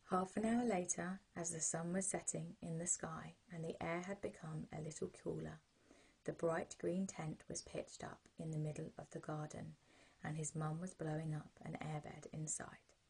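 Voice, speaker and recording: A British woman narrating a children's sleep story in a soft, breathy, husky voice, with gentle, calming, unhurried delivery. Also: low voice, rough recording.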